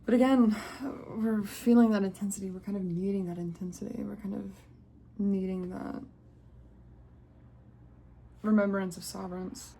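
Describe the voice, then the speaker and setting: A woman's voice: medium pitch, flat delivery, normal speed, vocal fry, pauses often, mellow, a little hiss or hum. A woman giving a casual spiritual card reading, rambling and breaking off mid-sentence, often laughing to herself. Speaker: tarot reader.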